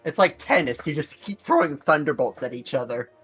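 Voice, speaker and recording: Guy playing a tabletop game, casual chat, bouncy intonation, a bit high, quiet music under. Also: expressive, a little fast, slightly rough. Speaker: player. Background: faint music.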